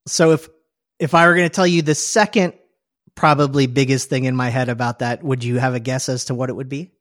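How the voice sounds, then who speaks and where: A man's voice: mid-range voice, steady tone, fairly quick, a bit bright, dry recording, clean studio sound. A man hosting a casual podcast conversation, reminiscing in a chatty way and laughing often. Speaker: podcast host.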